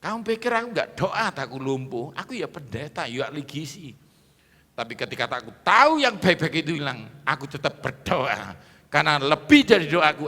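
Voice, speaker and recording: A man's voice: on the high side, bright, forceful tone. A middle-aged man preaching an emphatic sermon, calling on the congregation for amens and applause. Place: large church hall. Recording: long hall reverb.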